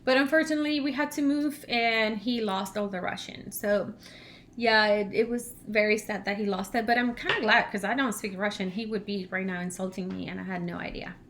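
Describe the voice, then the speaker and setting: A woman whose first language is Spanish, chatting casually in an animated, storytelling way as a vlog host. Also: mid-range voice, brisk, a little hiss or hum. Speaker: channel host, language learner.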